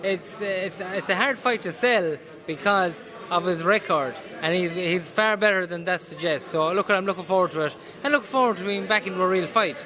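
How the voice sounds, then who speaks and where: A male boxer with a Mayo, west of Ireland accent speaks in a high voice. He talks casually and earnestly, circling back over phrases. There is clear busy gym noise behind him. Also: normal speed, hardly any pauses, crowd noise. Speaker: professional boxer being interviewed. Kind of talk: casual interview answers. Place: indoors in a boxing gym.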